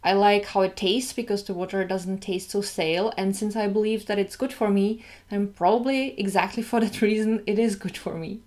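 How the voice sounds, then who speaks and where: A woman's voice: medium pitch, fairly even intonation, moderate pace, hardly any pauses, a little mellow. Chatty woman vlogger, candid and easygoing. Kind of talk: casual vlog talk.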